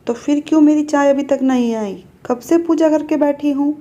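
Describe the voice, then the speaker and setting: Storybook part: a woman doing a bossy, shrill old mother-in-law who scolds, voice pitched up and loud. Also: fairly even intonation, normal speed, close to an everyday voice. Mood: nagging. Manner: shrill, nagging, shouts orders.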